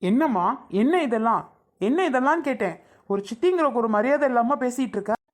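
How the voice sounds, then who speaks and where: A woman's voice: on the high side, animated, a little fast, lightly acted. A woman playing a stern middle-aged father in a family skit, bossy and scolding toward his daughter. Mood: angry.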